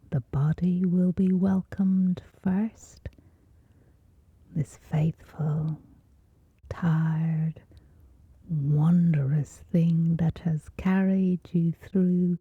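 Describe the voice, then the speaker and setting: Short, soothing phrases with long pauses fill this scripted sleep meditation, led gently by a woman whose soft whisper is lowish and husky. The recording has no echo and sounds like a phone.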